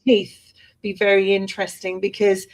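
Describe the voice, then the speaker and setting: A woman from Britain co-hosts a casual podcast conversation. She talks in an animated, chatty way and often restarts her sentences. Her voice sits at an ordinary middle pitch for a woman. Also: normal speed, rough recording. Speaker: co-host. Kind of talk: casual chat.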